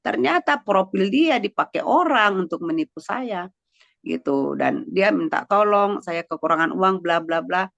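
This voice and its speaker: A woman's voice: medium pitch, expressive, unhurried, vocal fry, a bit bright, no echo, muffled recording. A woman giving a heartfelt personal faith testimony to a congregation, talking conversationally with many fillers and sounding close to tears. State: emotional, near tears. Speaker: church testimony speaker.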